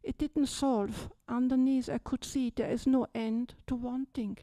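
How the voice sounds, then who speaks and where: An older Austrian woman with an accent, speaking as a Buddhist nun to a retreat group. She is chatty and keeps checking in with "yeah?", and her fairly high voice is soft and mellow. She holds a handheld mic, and the sound is dry and close. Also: fairly even intonation, measured pace, no room sound. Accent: Austrian German. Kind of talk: retreat talk, personal story. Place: large dim hall, seated on a low stage. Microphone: handheld microphone.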